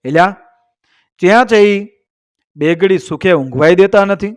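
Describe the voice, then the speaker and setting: A man's voice: high-pitched, a little slow, clear, resonant tone. A man voicing a crafty, scheming male trickster who bargains slyly. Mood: brusque.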